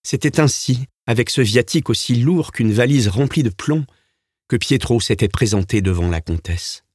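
Expressive male audiobook narrator. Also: medium pitch, normal speed, breathy edge, no echo, studio quality. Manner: expressive storytelling. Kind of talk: scripted narration.

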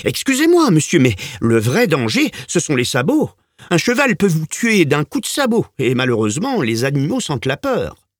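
A man's voice: fairly high pitch, huge pitch swings, normal speed, no room sound, studio quality, voice pushed up. A man voicing a cheerful coachman who jokes and teases as he talks. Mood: jovial. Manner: jovial and teasing. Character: cheerful, joking adult male coachman.

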